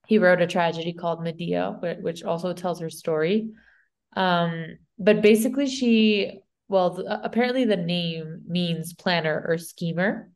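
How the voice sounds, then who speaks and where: Woman, Spanish accent, somewhat low voice, casual podcast co-host who rambles and restarts as she tells a story. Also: unhurried, darkish tone. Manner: rambling, unsure, lots of "like" and restarts. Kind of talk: casual chat retelling a myth.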